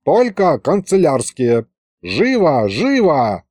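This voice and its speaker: A man voicing a calm, crafty old grandfather who drawls in folksy speech. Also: on the high side, slow, no room sound, exaggerated voice.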